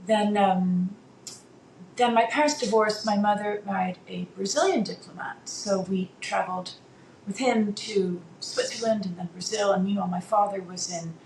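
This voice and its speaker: In casual conversation, this interview guest in her fifties, whose first language is Dutch, hesitates often, filling gaps and restarting. Her mid-range voice is creaky and darkish, steady at a moderate pace, recorded in an echoey space with faint noise.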